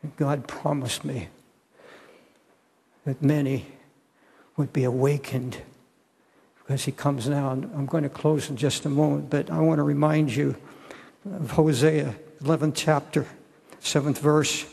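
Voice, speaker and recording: An older man preaching an earnest, pleading sermon, often halting and repeating his words. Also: a little high, level tone, creaky, darkish tone, slightly rough. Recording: long echo of a large hall.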